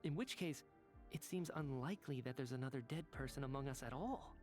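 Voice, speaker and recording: A man voicing a calm reasoning scientist. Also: medium pitch, close to an everyday voice. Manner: measured, thoughtful, explanatory. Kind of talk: video game voice acting. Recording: game audio with faint music behind.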